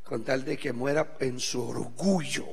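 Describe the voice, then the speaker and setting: A middle-aged man preaching a sermon as pastor, swinging from quiet asides to shouted exhortation and speaking plainly to the congregation. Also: medium pitch, fairly even intonation, unhurried, vocal fry, slightly rough, in a large hall. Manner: colloquial, addresses the congregation as brothers.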